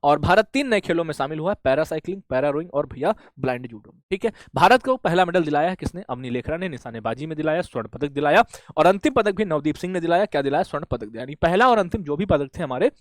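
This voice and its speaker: A man with a rather high voice teaches an exam-prep lesson. He fires off quick questions, answers them himself and keeps checking in with friendly fillers. He is recorded up close in a dry room with no echo. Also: lively intonation. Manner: asks quick questions and answers them himself, says "bhaiya" and "theek hai" often. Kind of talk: classroom lecture with call-and-response questions.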